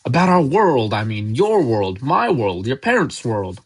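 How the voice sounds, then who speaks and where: A man reading aloud, voicing a big, gruff but kindly giant groundskeeper who talks in loud, folksy outbursts. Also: medium pitch, big pitch swings, a little slow. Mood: gruff, exasperated.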